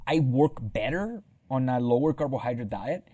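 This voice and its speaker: A young adult man hosting a casual interview, talking in a relaxed, conversational way. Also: mid-range voice, moderate pace. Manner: relaxed, conversational, repeats words. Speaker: podcast host.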